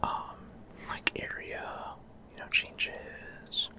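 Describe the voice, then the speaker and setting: Breathy whispering carries this ASMR gaming clip from start to finish. The male creator talks over gameplay in short, hesitant, spontaneous phrases.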